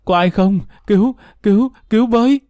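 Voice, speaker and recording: A man's voice: high-pitched, normal speed, dark tone, no echo, voice pushed up, natural voice. A man voicing a bookish young boy in an audio story, screaming and sobbing in desperation. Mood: desperate.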